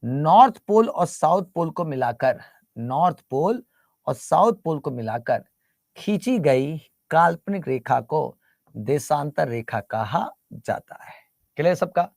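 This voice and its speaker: A man's voice: fairly high pitch, lively intonation, slow pace, vocal fry, a little mellow, no echo, studio quality. A male teacher lecturing a class, repeating terms and constantly asking the students to answer back. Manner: repetitive call-and-response questioning; teasing, mixes English terms into Hindi.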